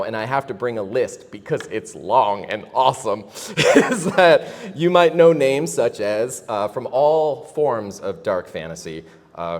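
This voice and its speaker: A man with a fairly low voice presents on stage at a convention, eager and full of fillers as he lists collaborators. A long hall reverb trails his words. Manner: enthusiastic, name-dropping, many uh fillers. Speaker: game designer presenting upcoming projects.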